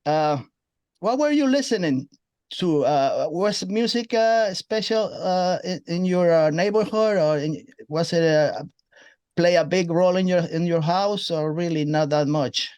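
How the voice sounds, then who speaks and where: A man with a fairly high voice hosts a casual interview. His questions wander and restart, padded with "uh" and "you know". His sound is close and dry, with no room echo. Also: a little slow, a little mellow, clean tone. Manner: rambling, meandering questions with fillers. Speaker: interview host.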